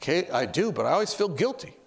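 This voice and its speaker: Friendly, talkative middle-aged woman on a plane, voiced lightly by a man retelling a story; lively and up-and-down. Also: on the high side, fast, gravelly, husky, full character voice. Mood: worried.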